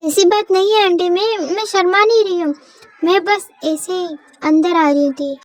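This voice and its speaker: A woman's voice: extremely high pitch, fairly even intonation, normal speed, dry recording, rough recording. A woman voicing a shy, embarrassed young woman who keeps pleading with her elders in a fan-fiction voice story. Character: shy, flustered young woman, a new bride-to-be.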